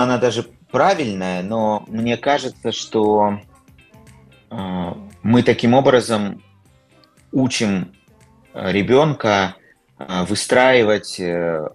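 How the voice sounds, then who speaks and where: A man answering interview questions in a measured, thoughtful way, pausing often with filler sounds. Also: fairly low pitch. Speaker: guest expert.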